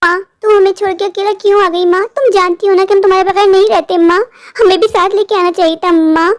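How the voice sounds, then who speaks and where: A woman's voice: very high-pitched, steady tone, fast. A woman voicing a scared, naive young unmarried woman in a cartoon, rambling to herself in a fretful way. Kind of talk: cartoon voice acting.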